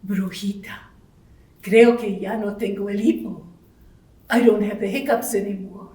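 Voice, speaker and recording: A woman voicing a gentle, hiccuping ghost in a bilingual children's puppet show, saying each line in English and Spanish. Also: mid-range voice, fairly even intonation, moderate pace, close to an everyday voice. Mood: fretful. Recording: echoey room, far from the mic.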